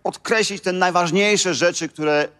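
A man's voice: high-pitched, a little slow, a bit bright, clean tone. A man interpreting a sermon live, matching the preacher's emphasis and sometimes stumbling over words.

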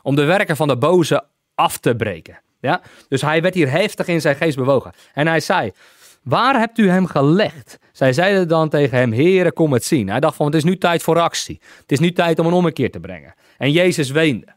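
Guy preaching a bible lesson, keeps repeating lines and saying hallelujah, kinda high voice. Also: lively intonation, normal speed, dry recording, studio quality. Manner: repetitive, emphatic preaching with hallelujahs. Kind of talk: sermon, Bible teaching.

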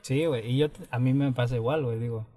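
A man with a Mexican accent, co-hosting a podcast and chatting in a relaxed, slangy, agreeable way. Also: mid-range voice, fast talker, dry recording. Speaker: podcast co-host. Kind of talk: casual chat.

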